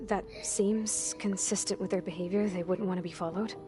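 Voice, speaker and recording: A woman's voice: medium pitch, fairly even intonation, normal speed, close to an everyday voice. A woman voicing a young, artificially made woman in a video game, explaining things in a precise, clinical way. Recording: game audio with background music.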